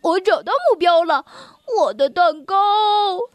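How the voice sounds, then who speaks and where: 女声扮演的贪吃大灰狼. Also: female voice, very high-pitched, takes it slowly, dry recording. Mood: grumbling. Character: hungry greedy male big bad wolf. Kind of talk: children's storybook reading.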